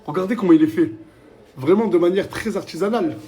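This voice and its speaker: A man, chatting excitedly and familiarly in street slang as he films a casual vlog and pitches products. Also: quick pace. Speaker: vlogger and product promoter.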